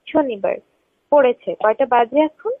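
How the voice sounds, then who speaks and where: On a thin, narrowband phone line, a female caller with a slightly high, lively voice speaks at a moderate pace in a dry recording. She is confrontational, insisting on answers and pressing with question after question.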